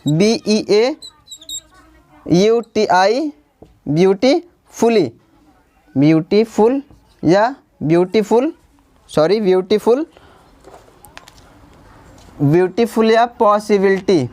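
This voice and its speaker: A woman's voice: medium pitch, expressive, drawn-out words, pauses often, mellow. A woman teaching basic English grammar in Hindi, repeating terms and spelling words out letter by letter, with a Hindi accent. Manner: repetitive, spells words letter by letter, frequent "ठीक है" check-ins. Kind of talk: classroom-style grammar lesson.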